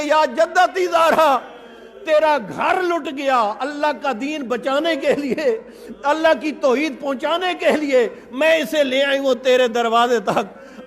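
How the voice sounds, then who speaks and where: Impassioned cleric with a very high voice. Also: male voice. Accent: Pakistani Urdu. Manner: impassioned, rising into wailing recitation. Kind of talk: Muharram-style majlis sermon, chanted and emotional. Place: large mourning gathering hall. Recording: long hall reverb.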